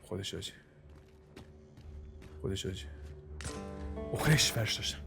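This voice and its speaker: A man giving casual, excitable gameplay commentary, often dropping to a whisper while sneaking through the game. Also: low-pitched, vocal fry. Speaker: gaming channel host. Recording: game music playing behind the voice.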